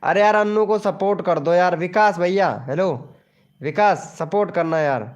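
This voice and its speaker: A man's voice: sits high, moderate pace, lo-fi sound. A young man hosting a casual live stream, joking and teasing viewers by name.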